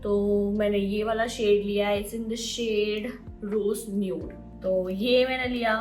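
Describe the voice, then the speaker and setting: A young Indian woman with an Indian English accent, chatting excitedly about her beauty haul and switching between Hindi and English. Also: on the high side, poor audio. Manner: excited, mixes Hindi and English mid-sentence. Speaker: beauty vlogger.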